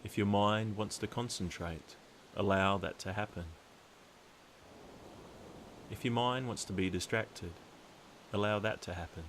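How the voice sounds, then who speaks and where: A man guides a meditation in a low register, calm and deliberate, with long pauses. A faint hiss runs through the recording.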